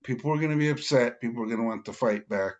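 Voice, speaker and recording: A man's voice: mid-range voice, fast talker, highs cut off. A man co-hosting a casual fight podcast, heated and emphatic, often stammering as he restarts his sentences. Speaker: podcast co-host. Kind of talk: casual MMA podcast chat.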